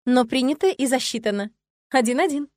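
A woman's voice: sits high, a little fast, darkish tone, no echo, clean studio sound, voice pushed up, natural voice. A woman voicing a young mother who teases and grumbles in a reproachful, mock-scolding way. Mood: teasing.

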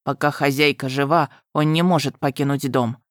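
Woman playing a sinister male elf mage, unhurried and low-pitched. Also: fairly even intonation, dry recording, clean studio sound. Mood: calm.

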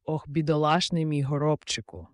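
A man's voice: a little high, fairly even intonation, normal speed, dry recording, studio quality, close to an everyday voice. A man voicing a doting, fretful old nanny who exclaims and scolds. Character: fussing old nanny, woman, doting and shrill.

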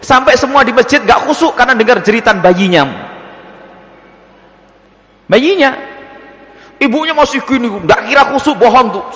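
A man's voice: normal speed, long pauses. A man preaching and answering religious questions before a congregation, acting out little scenes as he explains. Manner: lively, acts out scenes with swooping pitch. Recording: long hall reverb.

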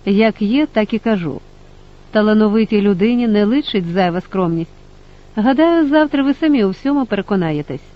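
A man's voice: high-pitched, animated, normal speed, lo-fi sound. A man voicing a proud, insistent woman who hosts the guests, speaking emphatically and indignantly.

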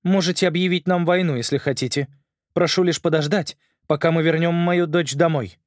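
A male reader voicing a proud, fierce female spider queen with a sharp, commanding manner. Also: on the high side, steady tone, fairly quick, no room sound, clean studio sound, pitched above the performer's own voice, lightly acted.

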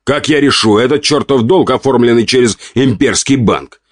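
A man's voice: mid-range voice, normal speed, no echo, voice pushed up, close to an everyday voice. A man voicing a crude, irritable count of 48, growling and contemptuous. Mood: scornful.

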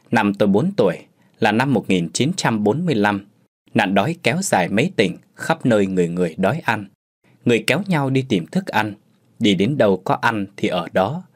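A man narrating a first-person story as a storyteller in scripted narration, with lively, expressive delivery. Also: on the low side, husky.

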